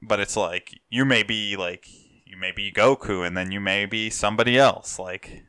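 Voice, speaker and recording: A young man with a low yet bright, forceful voice co-hosts a casual gaming podcast. He jokes and swears with easy bluntness. The recording is dry and close. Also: moderate pace, clear, resonant tone, no echo. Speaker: podcast co-host.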